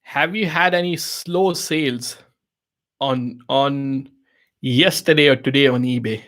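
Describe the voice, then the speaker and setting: Speaking slowly in a medium-pitched, slightly bright voice, a man hosts a live question-and-answer stream. Urdu is his first language, and his casual business advice comes out in loose, filler-heavy English with non-native phrasing. His conversational style features many restarts and the recurring "you know what I mean".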